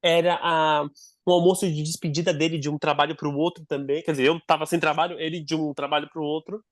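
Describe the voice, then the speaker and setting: A man telling a personal story in a casual podcast conversation. He is animated, and he often restarts and repeats words as he goes. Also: fairly high pitch, fast talker, no room sound, studio quality. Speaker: podcast guest, adoptive father.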